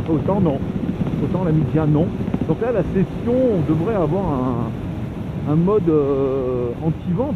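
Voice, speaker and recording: Chatty French man riding into loud wind. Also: a little high. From France. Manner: chatty, rambling, laughs often. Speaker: motovlogger. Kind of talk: casual riding commentary. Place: on a motorbike on the open road. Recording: phone-like sound, loud wind noise.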